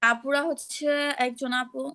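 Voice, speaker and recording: A woman's voice: sits high, steady tone, unhurried, pushed and bright. A woman teaching pronunciation in an online class, patiently explaining and modeling each sound over a video call.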